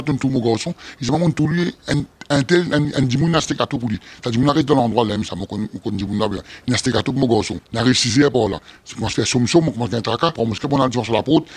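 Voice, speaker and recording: A man quickly recounting the search for a boy to a reporter, repeating himself. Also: medium pitch, darkish tone, husky. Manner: rapid, repetitive telling. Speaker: interviewee.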